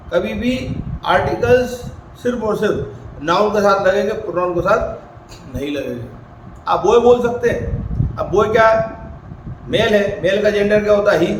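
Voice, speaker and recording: A man teaching a grammar class in a high voice. He keeps asking the class questions and answering them himself, and he voices the students' doubts in his own voice. The room is echoey, with faint background noise. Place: coaching academy classroom.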